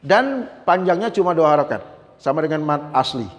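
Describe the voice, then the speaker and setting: A male teacher giving a religious lesson on Quran recitation rules, explaining step by step, often adding a checking "ya" and slowly chanting the recitation examples. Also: fairly high pitch, expressive. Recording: long reverb.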